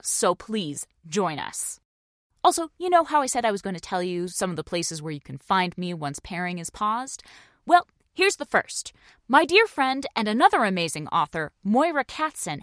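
A woman's voice: on the high side, fairly bright tone, no room sound, clean studio sound. A woman hosting a podcast, talking with bubbly enthusiasm and frequent laughter. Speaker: podcast host.

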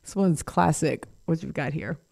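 A woman's voice: low voice, normal speed, creaky, a little mellow. A woman hosting a radio show, chatting with two guests and laughing easily. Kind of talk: casual radio interview.

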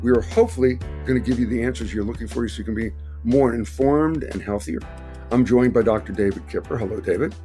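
A male podcast host chats casually with a mid-pitched voice. He sounds hoarse, as if his voice is shot from too much speaking. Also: quick pace, warm tone, soft background music. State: voice worn out and hoarse from overuse in public speaking.

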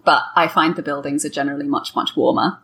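A woman's voice: sits low, fairly even intonation, fast, fairly bright tone, breathy edge. A woman in her thirties with an English Home Counties accent, chatting informally as an interview guest. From Kent, England. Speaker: podcast guest. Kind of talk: casual conversational interview.

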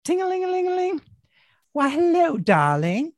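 A woman's voice: extremely high pitch, very animated, normal speed. A woman playing a theatrical, flirtatious female beauty shop client, sultry and campy. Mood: grand. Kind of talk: improvised comedy scene.

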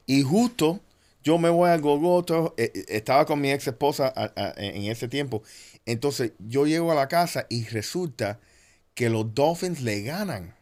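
A man in a casual sports chat, telling a lively anecdote in a laughing manner. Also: mid-range voice, measured pace.

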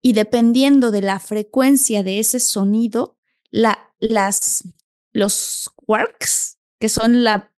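A woman's voice: on the high side, steady tone, slow pace, darkish tone, no room sound, studio quality. A woman hosting a podcast who speaks enthusiastically and casually, explaining ideas in simple terms. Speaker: podcast host. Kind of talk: casual spiritual conversation.

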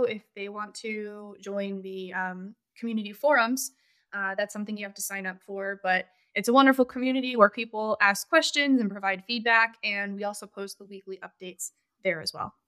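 A woman on a podcast lists community events and updates at a measured pace. Her voice is smooth and clear, at an ordinary pitch. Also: sharp tone. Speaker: community content team member. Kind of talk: casual podcast chat.

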